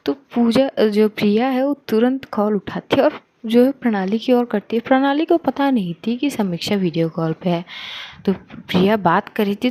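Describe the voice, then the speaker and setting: A woman's voice: fairly high pitch, mellow, no echo. A woman narrating a romance story in a casual, chatty way.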